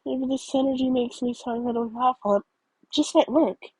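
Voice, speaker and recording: A woman's voice: high-pitched, steady tone, fairly quick, mellow, breathy edge, dry recording, rough recording. A woman voicing the story's stranded, frustrated young heroine with a defiant edge, in her own reading voice.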